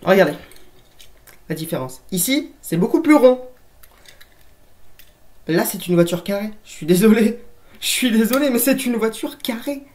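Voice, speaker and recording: A toy collector vlogger does a casual show-and-tell to camera from a room at home with a shelf of toys, chatting with viewers like friends and tossing in jokey asides. Her voice is a little high and slightly mellow, with lively intonation, a moderate pace, and frequent pauses.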